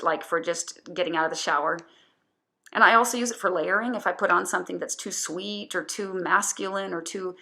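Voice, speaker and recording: A woman talks through her perfume picks in a loose, chatty way, often stopping to restart a phrase. Her voice is bright and a touch low for a woman, with an easy, unscripted flow. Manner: chatty, hesitant, many restarts and fillers. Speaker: perfume reviewer. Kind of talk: casual product review.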